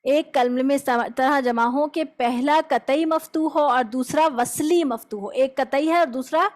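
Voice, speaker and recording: A woman teaching a tajweed lesson. She explains the rules step by step, often checks with her students, and recites example words slowly to show them. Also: sits high.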